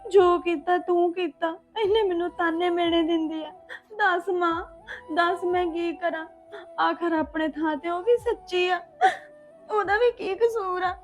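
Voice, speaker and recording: A young woman playing a heartbroken married daughter, pleading and sobbing through her words. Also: very high-pitched. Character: heartbroken young wife, worn down and despairing. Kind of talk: family drama acting.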